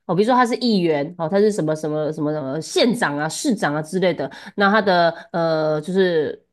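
A woman's voice: low-pitched, brisk. A woman giving a one-on-one Japanese lesson, chatty and laughing often as she coaches pronunciation. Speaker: Japanese tutor.

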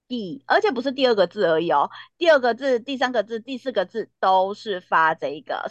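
In a Korean pronunciation class, a woman keeps checking in with her students, peppering her lively speech with tags like "哈" and "对不对". Her mid-range voice is recorded with no echo, though the highs are cut off.

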